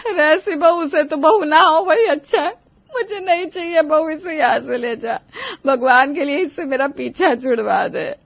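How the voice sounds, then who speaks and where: A woman's voice: high voice, animated, normal speed, vocal fry, dry recording. A woman voicing a whiny, dramatic elderly mother-in-law in a cartoon, wailing and complaining. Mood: tearful. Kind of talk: cartoon voice acting. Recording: dull dry studio voice-over.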